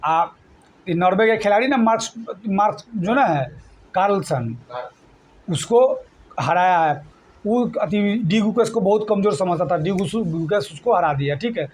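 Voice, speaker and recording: A man's voice: high-pitched, animated, normal speed, slight background noise. A male teacher leading a classroom exam-prep lesson, quizzing students with call-and-response questions and repeating mnemonics. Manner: repetitive mnemonic chanting.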